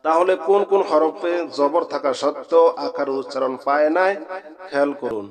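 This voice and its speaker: A man teaching Quran reading, chanting Arabic letters and vowel sounds slowly, then explaining in quick asides. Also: on the high side, long reverb tail, over music. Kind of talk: slow drilled letter recitation.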